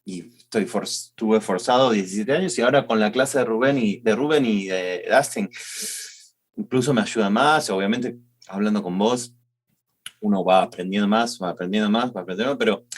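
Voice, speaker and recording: A middle-aged man from Argentina with an Argentine Spanish accent, chatting casually as podcast co-host, rambling and repeating himself, with slangy speech. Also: fairly low pitch. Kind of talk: casual chat.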